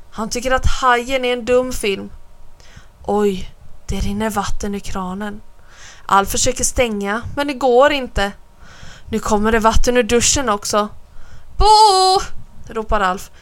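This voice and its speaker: A woman hosting a reading show, reading a children's story aloud in a gentle, expressive manner. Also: a little high. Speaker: children's book reader.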